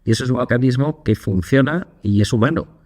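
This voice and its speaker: This man co-hosts a relaxed podcast, sharing stories and energetically performing the quotes in them. His voice sits in the mid range and moves a little fast.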